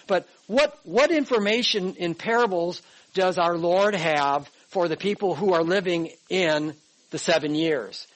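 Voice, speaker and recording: An older man in his sixties with a notably high voice leads a Bible class from his notes. He talks in an emphatic, conversational way and keeps checking in with his listeners through "all right?" and "okay". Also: poor audio. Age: 60s. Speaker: pastor teaching a Bible class.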